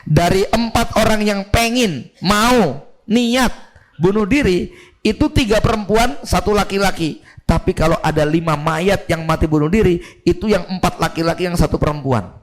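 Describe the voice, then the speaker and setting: A man delivers a relaxed religious lecture, talking to the audience more than at them. His voice sits a little high for a man and keeps coming back to friendly asides. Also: moderate pace. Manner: chatty, animated, often turns to the audience with asides. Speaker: Islamic preacher.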